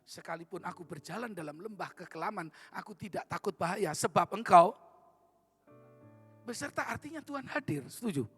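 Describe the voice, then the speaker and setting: A man pastor preaching a sermon in church, emphatic, calling for amens and swinging from loud to soft. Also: high-pitched, animated, normal speed, husky, faint music behind. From Indonesia. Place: church worship service.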